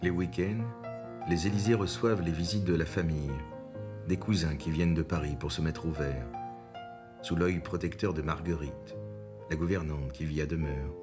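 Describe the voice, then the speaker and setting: Male documentary narrator, very low voice, measured delivery, clear music underneath. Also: steady tone.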